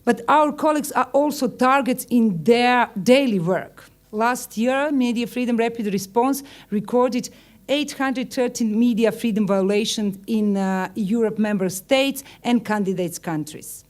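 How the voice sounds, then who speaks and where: A woman from Croatia with a Croatian accent gives formal opening remarks in halting non-native English, often dropping articles. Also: fairly high pitch, darkish tone. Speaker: conference speaker, journalists' union leader.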